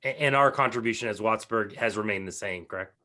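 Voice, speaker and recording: Male board member at a public meeting, crisp bright edge on a somewhat low voice, asking for clarification. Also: fast.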